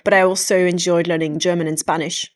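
Low-pitched woman. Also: flat delivery. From Quebec, Canada. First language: French. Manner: thoughtful, measured storytelling with frequent hesitations. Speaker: psychology lecturer and podcast co-host. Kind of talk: podcast conversation.

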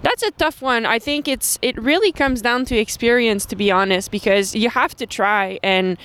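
A woman's voice: a little high, normal speed, fairly bright tone, smooth. A woman who races bikes, hosting in a casual, conversational style. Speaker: host and bike racer. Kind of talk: casual race recap and interview.

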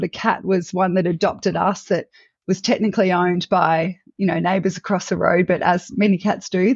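A woman's voice: medium pitch, vocal fry, a little mellow, husky, no room sound, muffled recording. A woman in her thirties with an Australian accent, a veterinarian chatting reflectively as an interview guest, with fillers and restarts. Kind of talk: conversational interview.

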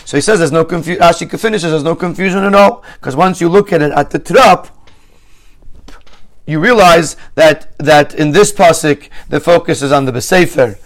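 A man's voice: on the high side, normal speed. Man methodically teaching a Rashi lesson. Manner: methodical, numbered questions, frequent restarts. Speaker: Torah teacher.

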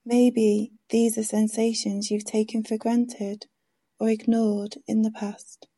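A woman leading a guided meditation in a soft, soothing, hushed manner, giving gentle instructions. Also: a little high, level tone, slightly rough. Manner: slow, gentle instructions with pauses.

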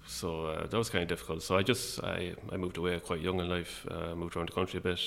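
A man with an Irish midlands accent talking casually and a little hesitantly as an interview guest, in a low-key, wry way. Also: little pitch movement, quick pace, gravelly, fairly bright tone. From Longford, Irish midlands.

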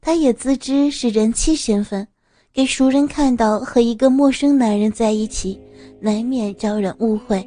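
A woman narrating an audio story in a smooth, steady reading voice. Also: a little high, normal speed, no room sound, soft background music.

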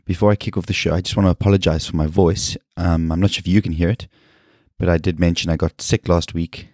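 A man in his thirties, hosting a solo podcast, speaking with a scratchy and hoarse voice in an earnest, explanatory way. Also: sits low, steady tone, a little mellow, no echo, clean studio sound. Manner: earnest, explanatory, with fillers and pauses. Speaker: podcast host and personal trainer.

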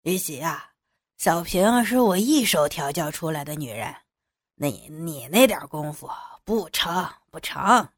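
A woman voicing an older male bureau chief who is lecherous and bossy, speaking gruffly and commandingly in an adult audio story. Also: low-pitched, lively intonation, unhurried, no echo, studio quality, voice pushed down, exaggerated voice. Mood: leering.

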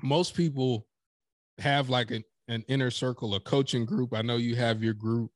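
In a casual interview chat, a podcast guest who speaks professionally makes his points through animated, emphatic storytelling and acted-out quotes. His voice is mid-range at a moderate pace, and the audio is clean studio sound free of echo.

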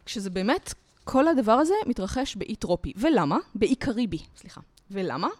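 A woman talking as a guest lecturer in a podcast interview, explaining in a lively, talkative way from memory. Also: medium pitch, no room sound. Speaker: guest lecturer on culture history.

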